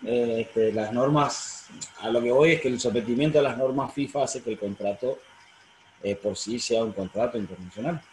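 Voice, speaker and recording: Profesor argentino de mediana edad, clase por videollamada, algo de ruido de fondo. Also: male voice, medium pitch, normal speed. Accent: Argentine Spanish. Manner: explanatory, frequent fillers and self-corrections. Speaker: law professor. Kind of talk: online university lecture. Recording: roomy sound, faint noise.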